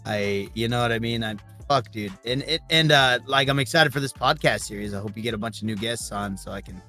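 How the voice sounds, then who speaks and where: A man's voice: medium pitch, brisk, faint music behind. A man, a podcast guest and streamer, telling stories in casual, profane chat. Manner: profane, animated storytelling.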